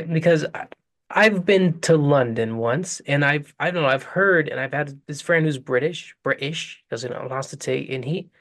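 A man's voice: on the high side, gravelly, a bit bright. A man hosting a podcast, talking in a loose, chatty way with rambling asides. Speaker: podcast host. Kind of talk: casual podcast chat.

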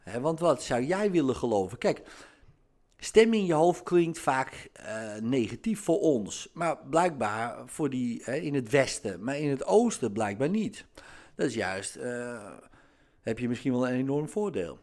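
A man talking casually in a monologue, animated, with many fillers and sudden rises in pitch when excited. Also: measured pace.

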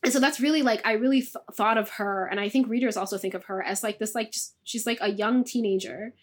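A woman's voice: fairly high pitch, fairly even intonation, quick pace. A young woman author of Moroccan family, raised abroad, chatting in an interview over a video call and tagging her thoughts with "like" and "right?". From Moroccan family, raised in diaspora. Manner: chatty, many "like" and "right?" tags. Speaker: author guest. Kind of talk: casual interview chat.

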